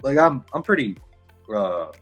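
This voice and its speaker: A man's voice: mid-range voice, big pitch swings, unhurried, fairly bright tone, slightly rough, poor audio. A young man from Houston, Texas, a music producer guest talking casually in an interview, laid-back with lots of filler words. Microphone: livestream call.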